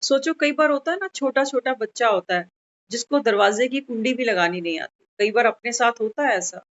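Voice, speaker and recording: Woman preacher, higher voice, devotional sermon, acts out story voices, muffled lo-fi recording. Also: moderate pace. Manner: tells a parable, acting out parent and child voices. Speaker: spiritual speaker. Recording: dull, muffled low-fidelity recording.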